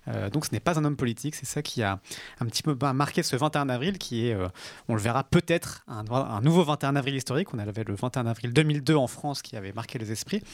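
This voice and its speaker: A man's voice: mid-range voice, fast talker, no echo. A man co-hosting a news podcast, explaining a story at length with many hesitations and fillers. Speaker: podcast co-host. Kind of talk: casual news podcast chat.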